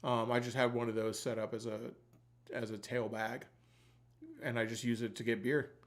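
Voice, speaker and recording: A man's voice: medium pitch, flat delivery, moderate pace. A man hosting a giveaway livestream, chatting in a loose, rambling, informal way with plenty of swearing. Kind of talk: casual rambling livestream chat.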